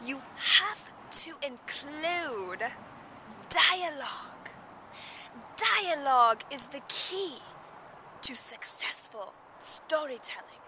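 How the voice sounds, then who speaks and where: A woman voicing a theatrical British woman speaker in her sixties, with a British accent and a slow, commanding, emphatic delivery, recorded outdoors. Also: high-pitched, expressive, background noise, full character voice.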